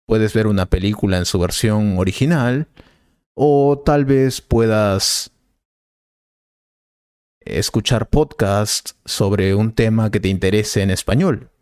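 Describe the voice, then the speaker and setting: A man playing a patient Spanish teacher, explaining slowly and calmly in a scripted learner dialogue. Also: on the low side, smooth, no room sound, clean studio sound. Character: patient male professor, helpful and calm.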